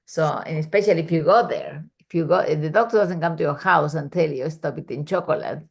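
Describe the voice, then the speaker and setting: A woman's voice: deep voice, quick pace, vocal fry, husky. A woman leading a study group, explaining a scripture passage conversationally with everyday examples on a video call. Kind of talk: casual teaching explanation.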